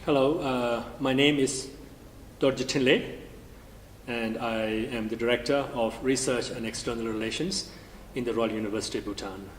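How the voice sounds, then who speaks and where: A university research director giving hesitant conference remarks, pausing often with fillers. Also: male voice, mid-range voice, a little hiss or hum. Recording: reverberant hall, distant mic.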